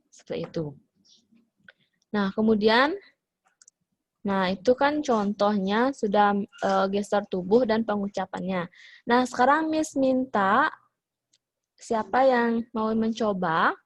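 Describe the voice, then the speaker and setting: A woman's voice: mid-range voice, breathy edge, no echo. A woman teacher with an Indonesian accent, explaining a hospitality English lesson with many fillers and English phrases mixed in. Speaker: vocational school English teacher. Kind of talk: online class lesson.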